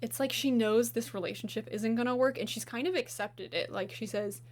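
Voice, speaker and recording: A woman chatting casually as she ranks songs, gushing and enthusiastic, with lots of filler words and a slightly hoarse voice. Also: on the high side, brisk, darkish tone. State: slightly hoarse, losing her voice. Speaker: video host. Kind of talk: casual music ranking chat.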